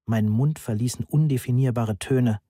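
A man reading a first-person story aloud in a measured, deadpan manner, close to the mic. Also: mid-range voice, dry recording. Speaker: audiobook narrator. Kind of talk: first-person scripted narration.

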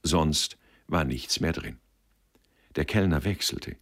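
Deep-voiced man reading a novel. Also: slow. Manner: expressive storytelling. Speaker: reader.

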